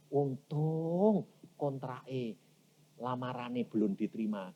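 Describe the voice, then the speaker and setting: A man preaching a sermon in a colloquial, folksy way, full of rhetorical questions and sudden loud outbursts. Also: medium pitch, lo-fi sound. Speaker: evangelist preacher.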